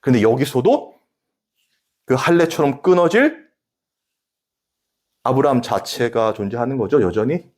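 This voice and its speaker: Male pastor, 40s, sermon delivery: lively swooping pitch, direct questions to the congregation, emphatic bursts and soft drops. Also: a little slow, pauses often. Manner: animated preaching, rising emphatic peaks, drops to hushed asides.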